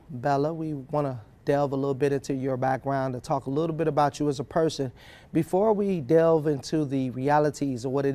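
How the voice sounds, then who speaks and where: A man with a somewhat raised pitch hosting an interview. He keeps affirming his guest with short repeated phrases as he moves to each new question. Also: warm tone. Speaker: host.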